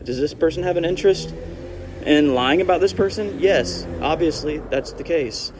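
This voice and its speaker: A man's voice: on the high side, lively intonation, normal speed, background noise. A man vlogging in a rambling, defensive and emphatic monologue, circling back to his points. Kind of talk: casual monologue to camera.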